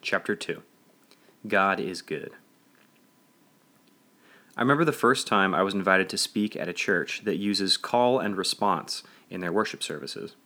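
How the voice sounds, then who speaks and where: A man's voice: sits low, bright, forceful tone. Earnest man narrating a memoir. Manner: earnest, reflective. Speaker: audiobook narrator.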